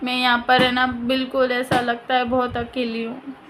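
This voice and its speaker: A woman's voice: a little high, monotone, normal speed, fairly bright tone, a little hiss or hum. A woman vlogger talking casually to camera in her own house, venting in a heated, emphatic way.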